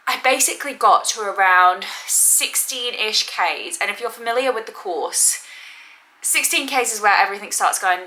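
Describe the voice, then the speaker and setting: A woman's voice: mid-range voice, moderate pace, pushed and bright, poor audio. A young adult woman chatting casually to her viewers as a vlogger. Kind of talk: casual chat to camera.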